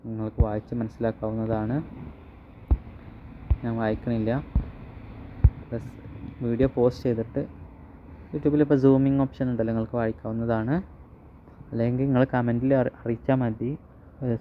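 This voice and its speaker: A man's voice: mid-range voice, flat delivery, normal speed, pauses often. A man reading a children's comic aloud for a kids' channel, with chatty asides and small fillers in between. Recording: slightly dull recording, faint noise.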